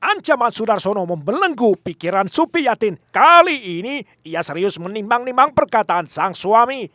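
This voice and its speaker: A man narrates a TV crime program in a dramatic, emphatic scripted style. His high voice is lively and bright. The studio sound is dry. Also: no room sound.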